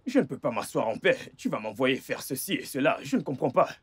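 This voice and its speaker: A man's voice: medium pitch, sing-song, normal speed, slightly rough. A man dubbing a film in French as an impatient, irritable man who grudgingly looks after his sick partner and scolds her. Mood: scolding. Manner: exasperated, scolding. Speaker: dub actor.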